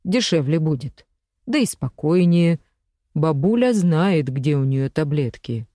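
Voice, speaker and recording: A woman's voice: sits low, lively intonation, a little slow, dark tone, no room sound, studio quality. A woman reading the lines of a resentful young adult son, clipped and sulky, in an audiobook.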